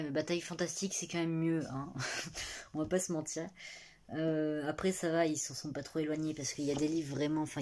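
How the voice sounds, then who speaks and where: A woman's voice: deep voice, darkish tone. A young woman chatting casually about a book series she is reading, with lots of fillers and restarts. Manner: rambling, many fillers and restarts, laughs often. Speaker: booktuber. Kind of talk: casual reading vlog chat.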